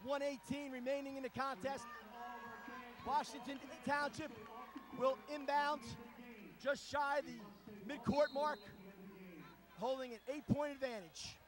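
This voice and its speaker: A man calling live high school basketball play-by-play in a gym, in brisk, clipped calls that rise to shouts. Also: fairly even intonation. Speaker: play-by-play announcer. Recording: crowd noise and hiss behind.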